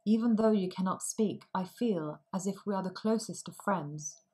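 A woman voicing a gentle young prince. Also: medium pitch, moderate pace, slightly rough, natural voice.

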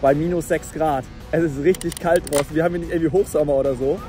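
A young man vlogging from a boat on cold water, loud and exclaiming to his viewers, freezing and shivering. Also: a little high, steady tone, fast talker, over music. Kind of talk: excited outdoor challenge vlog.

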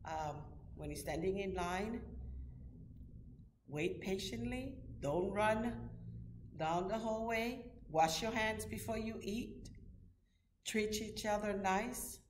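A woman's voice: medium pitch, slow, pauses often, slight background noise. A middle-aged woman pastor giving a children's message in a church, asking simple questions patiently. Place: church sanctuary. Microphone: far camera. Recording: echoey room from far off.

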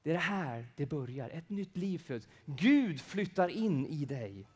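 A middle-aged man delivers a sermon with a slightly high voice. He swings between loud, emphatic peaks and quiet, almost whispered stretches, and drops into easy conversational asides. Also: big pitch swings. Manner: conversational, with asides and everyday examples. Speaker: preacher.

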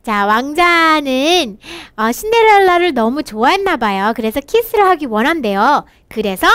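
A woman's voice: high-pitched, big pitch swings, moderate pace, a bit bright, dry recording. A woman teaching children English from a storybook, reading lines aloud and then explaining them with questions she answers herself.

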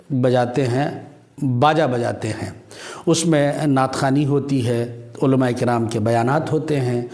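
In this religious advice talk to camera, a thirtysomething man offers guidance the way a cleric might speak to his audience, formal and measured as he explains point by point. He has a somewhat high voice that carries a darkish tone.

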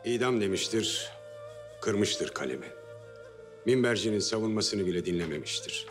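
Low-voiced, earnest guild sheikh. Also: male voice, expressive, a bit bright, soft background music. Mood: troubled, respectful. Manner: measured, admonishing, commanding when needed. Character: earnest male guild sheikh leading a council. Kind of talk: historical TV drama acting.

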